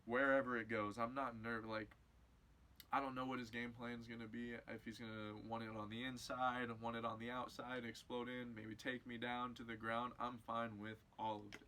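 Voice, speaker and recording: A man's voice: medium pitch, moderate pace, rough recording. Casual man talking fighting, faint room noise. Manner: casual, repeats himself, rising with excitement. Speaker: MMA fighter. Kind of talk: interview answers.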